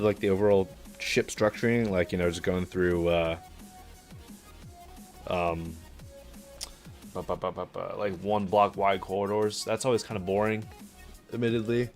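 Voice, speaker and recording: A young man with a low, deep voice chats offhand as a streamer, judging game levels with dry sarcasm and lots of ums and likes. Faint game music plays behind him, and keyboard typing is picked up by his desk mic. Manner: relaxed, offhand, with filler words and dry sarcasm. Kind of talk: casual live-stream commentary.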